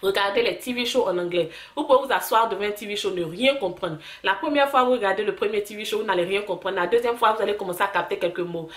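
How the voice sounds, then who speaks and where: A woman's voice: medium pitch, quick pace, few pauses, roomy sound. A young woman with an Ivorian French accent, chatting casually to camera and mixing in English words. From Ivory Coast. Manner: animated, restarts and mixes in English words. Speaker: vlogger.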